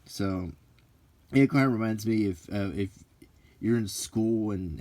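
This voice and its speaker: With a voice on the low side and a darkish tone, a hobby-video host aged around 40 to 50 talks casually and hesitantly. He's unscripted and ASMR-like, thinking aloud while he reviews something.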